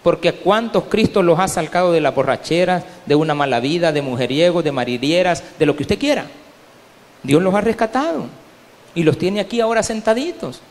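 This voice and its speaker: A male pastor with a Salvadoran Spanish accent, preaching a story-filled sermon that swings from quiet asides to loud pleas. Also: fairly high pitch, expressive, a little fast. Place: church hall. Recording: long reverb of a church hall.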